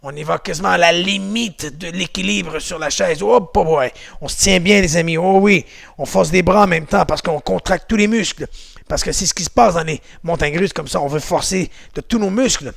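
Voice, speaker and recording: A man's voice: sits high, normal speed, creaky. A man with a Québécois accent, leading a home exercise and martial arts class in a chatty, encouraging, playful way. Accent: Québécois French.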